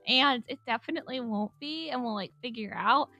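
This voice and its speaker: Talking fairly quickly, a woman casually walks through her drawing process over a speedpaint. She giggles, chats and rambles with lots of fillers, her voice higher than usual, while soft music plays.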